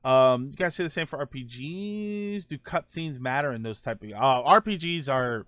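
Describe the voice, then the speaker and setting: A gaming show host who streams talks with viewers casually, rambling and thinking aloud as he answers their live comments. He speaks at a moderate pace in an expressive, medium-pitched, fairly bright voice, with no room sound.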